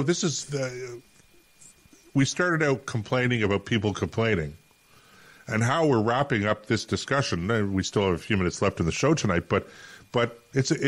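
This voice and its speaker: A Canadian man co-hosting a talk podcast, telling a rambling anecdote full of restarts and fillers. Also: on the low side. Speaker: podcast co-host.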